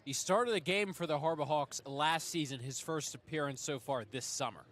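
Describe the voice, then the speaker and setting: A man's voice: a little high, moderate pace. A man doing baseball color commentary in easygoing casual banter. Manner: relaxed, easygoing, some filler and restarts.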